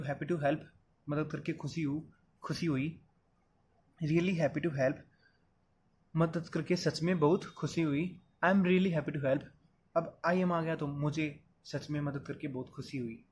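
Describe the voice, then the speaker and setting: A man's voice: a little high, a little mellow, slight background noise. A man teaching English phrases in a casual, explanatory Hindi lesson, going step by step and talking to the viewer like a friend. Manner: chatty, explains step by step, calls the viewer "brother".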